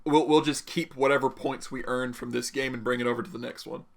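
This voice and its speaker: A man's voice: mid-range voice, steady tone, fast, gravelly, slight background noise. A man game master improvising story narration in a casual, rambling way, often revising his phrases.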